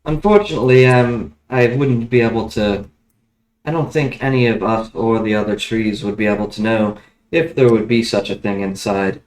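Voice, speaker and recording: A man's voice: lowish voice, a little mellow, close to an everyday voice. Man voicing an ancient, stately talking tree in a roomy space. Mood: pondering. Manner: slow, stately, archaic phrasing of a talking tree. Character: ancient kindly talking tree, slow and formal. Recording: roomy tabletop room recording.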